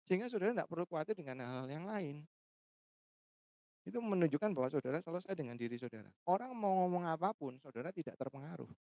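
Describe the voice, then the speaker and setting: A man's voice: fairly high pitch, animated, fast, mellow, dry recording. A pastor, preaching a sermon, speaking straight to his listeners and weaving in stories from his own family. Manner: addresses listeners directly, folds personal family stories into preaching.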